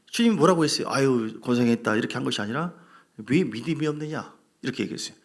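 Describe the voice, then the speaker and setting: Pastor, male, middle-aged, emphatic sermon delivery, slightly higher voice. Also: a bit bright. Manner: emphatic preaching, acts out quoted voices with sighs.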